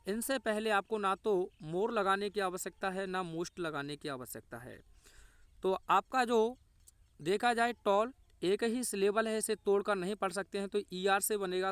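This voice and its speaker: A man with a Hindi accent runs an exam-prep English lesson, walking through each answer step by step. His voice sits high and comes across smooth and resonant. The sound is dry and close, with no room echo. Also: a bit bright. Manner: explains step by step, asks and answers his own questions. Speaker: English teacher.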